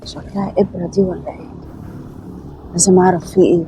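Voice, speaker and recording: A woman's voice: lowish voice, little pitch movement, fairly quick, warm tone, slight background noise, natural voice, poor audio. Woman playing a stern young Egyptian woman. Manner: firm, scolding, accusing. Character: brave young woman confronting a cruel son.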